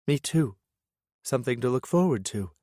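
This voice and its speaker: A male audiobook narrator voicing a gentle, apologetic young woman who talks softly and hesitantly. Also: mid-range voice, animated, normal speed, no room sound, clean studio sound, voice pushed up, natural voice. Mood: cheerful. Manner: soft, hesitant. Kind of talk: audiobook character voice.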